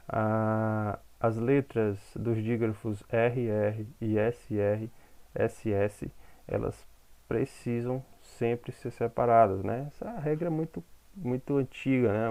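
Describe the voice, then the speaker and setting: Gravelly man teaching grammar. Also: fairly low pitch, a little mellow. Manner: explanatory, checks in with "ok?" and "né?". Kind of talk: classroom grammar lesson.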